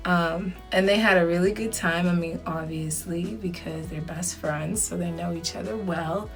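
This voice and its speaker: In a casual makeup tutorial, a young female vlogger chats with her audience like a friend, using slang and speaking to them directly. Her fairly low voice stays fairly even at a normal speed, captured from a distance with music behind her.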